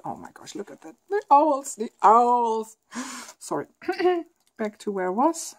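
A woman reviewing a tarot deck, chatting casually and reading passages aloud, enthusiastic and gushing over the artwork. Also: medium pitch.

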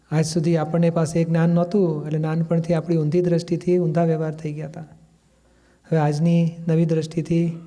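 A man's voice: a little high, mellow. A Gujarati-accented man giving a conversational spiritual discourse, sometimes acting out family quarrels in quoted voices. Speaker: spiritual teacher.

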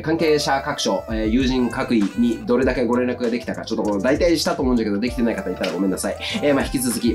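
A man's voice: medium pitch, darkish tone. A man in his thirties with an Okayama accent, chatting casually to camera with folksy, old-man-like turns of phrase. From Okayama, Japan. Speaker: vlogger. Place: small furnished room at home, indoors.

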